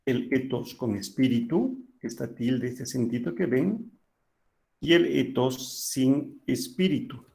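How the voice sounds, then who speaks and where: Male teacher, online lecture, heavy vocal fry, warm low tone, patient explanations, frequent comprehension checks. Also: takes it slowly.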